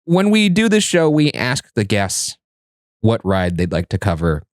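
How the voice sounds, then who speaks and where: Joking podcast host, low voice. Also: male voice, measured pace. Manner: jokey, self-mocking, animated asides. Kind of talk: casual podcast chat. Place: indoor podcast studio.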